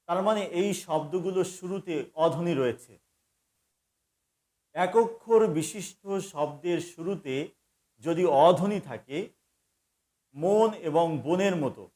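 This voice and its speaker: A man giving a grammar lesson, stating each rule deliberately and repeating it. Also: sits high, a little mellow. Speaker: grammar teacher.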